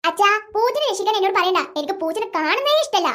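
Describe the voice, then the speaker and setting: A woman's voice: very high-pitched, lively intonation, racing, bright, forceful tone, pitched below the performer's own voice, full character voice. Keshu, a woman doing a grumbling cartoon boy. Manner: grumbling, scheming. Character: teasing selfish boy, big brother Keshu.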